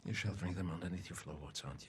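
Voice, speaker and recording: Calm, cunning officer interrogating a farmer, very low voice, rapid delivery, film clip. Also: male voice, slight background noise. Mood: cold interrogation.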